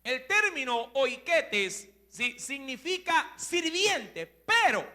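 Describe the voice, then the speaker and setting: High, bright-voiced male preacher. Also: sing-song, faint music behind. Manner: rhetorical questions to listeners, slow and deliberate. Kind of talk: sermon teaching on Greek words. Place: church.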